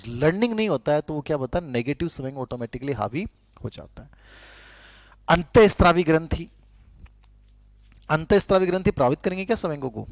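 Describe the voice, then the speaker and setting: A middle-aged man lectures conversationally, repeating key terms so students can write them down during dictation. His voice is fairly high and gravelly, and there is no room sound.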